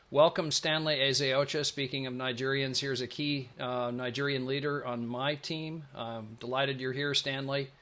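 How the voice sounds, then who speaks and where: A webinar host from the Pacific Northwest of the United States runs a live online presentation on a video call. His medium-pitched voice is bright and forceful, and he's chatty and enthusiastic, rambling with fillers.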